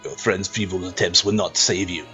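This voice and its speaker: A man's voice: sits low, steady tone, moderate pace, sharp tone, highs cut off, soft background music, voice pushed down. A man voicing a menacing hobgoblin warrior who mocks his foes with scorn in a tabletop game. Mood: menacing taunt. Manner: taunting, scornful. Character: menacing, mocking male hobgoblin warrior with a red blade.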